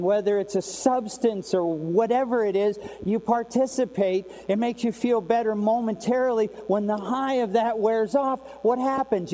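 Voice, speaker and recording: A man preaching a sermon in a conversational way, with rhetorical questions, swinging between loud outbursts and hushed asides. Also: very high-pitched, smooth. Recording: long reverb, faint mains hum.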